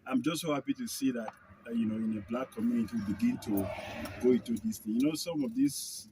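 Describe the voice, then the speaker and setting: A man with a Nigerian accent, a guest musician talking in a relaxed, easygoing way inside a car. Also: medium pitch, quick pace, gravelly, background noise. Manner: laid-back, peppers talk with "you know, bro". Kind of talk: casual podcast chat.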